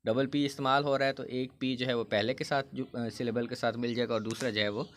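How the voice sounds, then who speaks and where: A man teaching a grammar lesson in with a flavour, reading English rules aloud slowly and explaining them with many fillers. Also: medium pitch, steady tone.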